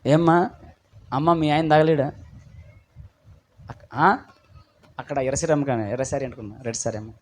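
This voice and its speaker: A man's voice: mid-range voice, moderate pace, pauses often. A man preaching a sermon to his church congregation, acting out little dialogues and calling on the people to respond. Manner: acts out short dialogues, calls out to the congregation. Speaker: pastor.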